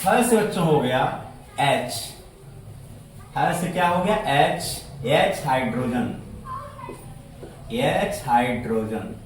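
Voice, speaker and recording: A man teaching a chemistry lesson to students, speaking slowly, repeating words, spelling them out letter by letter and answering his own questions. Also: mid-range voice, expressive, recorded from a distance, slight background noise. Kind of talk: classroom lecture. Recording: echoey room, voice set back from the mic.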